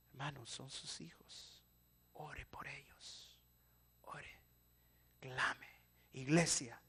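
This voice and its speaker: A male pastor, preaching a sermon and swinging from hushed pleading to loud exhortation. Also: mid-range voice, husky. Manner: preaching with sudden shouts and soft pleading drops.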